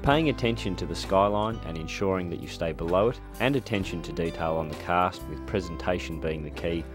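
A man with a very deep voice gives calm, measured documentary narration. He explains each step steadily, like a scripted voice-over. Loud music plays under his voice throughout.

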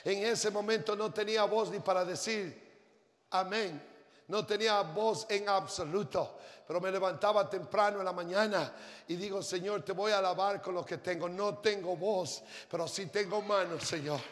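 High-voiced older pastor preaching in a hall. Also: male voice, steady tone, normal speed. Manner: swells from quiet storytelling to shouted fervent preaching. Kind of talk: sermon. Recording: reverberant hall with faint crowd and noise.

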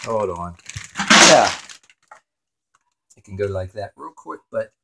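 A man's voice: lowish voice, expressive, takes it slowly, creaky, heavy background noise. A man hosting a home cooking show in his kitchen, rambling and swearing casually to himself as he works.

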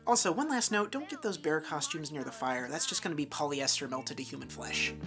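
A woman's voice: sits low, brisk, over music. A woman hosting a comedic review of an old tape, sarcastic and mock-dramatic.

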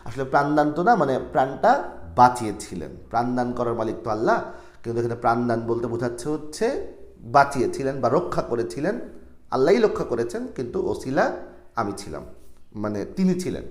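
A man's voice: mid-range voice, very animated, a little fast, a little mellow, reverberant. A male teacher who explains a textbook story line by line. He reads old literary phrases aloud, then restates them in everyday words.

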